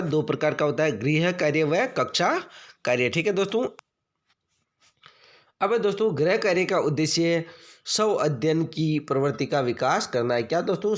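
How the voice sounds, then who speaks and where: A male teacher giving an exam-prep lecture. He keeps asking questions, answers them himself, repeats each key fact and keeps calling his listeners friends. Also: fairly high pitch.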